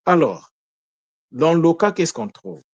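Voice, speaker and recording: A man giving a lesson on word meanings, in a deliberate way that poses questions and answers them, often correcting himself mid-sentence. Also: a little high, sing-song, creaky, slightly rough, no echo, highs cut off. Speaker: teacher of Kikongo word meanings. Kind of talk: explanatory lesson talk.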